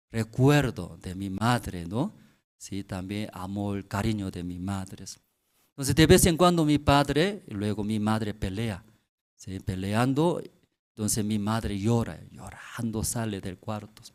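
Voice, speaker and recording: A male pastor preaching a sermon in Spanish. He tells stories with feeling, drops to soft tones, then rises to loud, emphatic bursts, and keeps asking his listeners short tag questions. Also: lowish voice.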